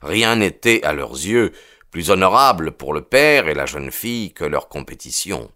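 A man reading a novel aloud as an audiobook narrator, in a measured, expressive way. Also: low-pitched, no echo, clean studio sound. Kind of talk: scripted narration.

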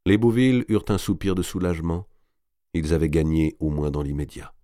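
Deep-voiced man narrating a novel. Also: expressive, a little fast, warm tone, no echo, clean studio sound. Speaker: audiobook narrator. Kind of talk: scripted narration of a historical novel.

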